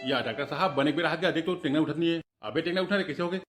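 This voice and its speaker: A woman voicing a gruff male village doctor in a cartoon, with a Chhattisgarhi accent. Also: low voice, racing, faint music behind, pitched below the performer's own voice, lightly acted. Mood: consoling.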